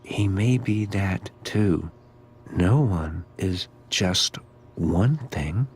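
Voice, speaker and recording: A man playing a creepy, cryptic, gently philosophical school groundskeeper in a video game, with a slow, ominous drawl. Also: deep voice, breathy edge, exaggerated voice. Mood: gentle, musing. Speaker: groundskeeper character.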